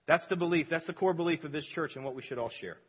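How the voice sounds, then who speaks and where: A fairly high-voiced man preaching a sermon, earnest and emphatic, with sudden drops to near quiet. His voice is husky. It rings out with a long reverb through a big church hall, captured on a dull, lo-fi recording. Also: racing. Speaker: pastor. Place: large church sanctuary.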